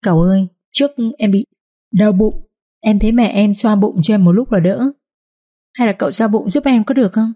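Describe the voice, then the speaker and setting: A woman's voice: fairly low pitch, moderate pace, warm tone, close to an everyday voice. A woman doing a whiny scheming servant girl. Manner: whining, pleading.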